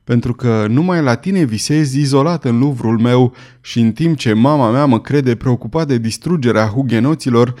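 A man's voice: medium pitch, hardly any pauses, darkish tone, natural voice. A man voicing an anxious, frail young king. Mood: tender. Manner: pleading, feverish.

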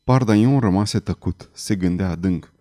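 A man reading a historical adventure novel aloud in an expressive, dramatic style. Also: low voice. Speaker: audiobook narrator. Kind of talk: scripted narration.

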